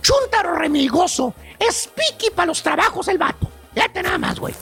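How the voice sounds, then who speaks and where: A male radio comedy host tells a slangy, mocking story. His voice is extremely high and gravelly, with music running underneath. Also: big pitch swings, moderate pace, a bit bright. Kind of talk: comic storytelling.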